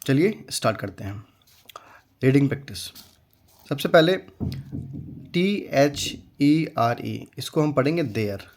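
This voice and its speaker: A young man leads a slow, patient reading lesson, spelling each English word letter by letter before saying it. He repeats words often and checks in with a steady "okay". His voice sits a little high for a man. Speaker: English teacher.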